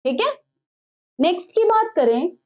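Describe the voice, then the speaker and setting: A woman's voice: very high voice, big pitch swings, normal speed, darkish tone, dull audio. A woman teaching an exam-prep lesson, putting questions to the class and then answering them herself. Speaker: Hindi teacher.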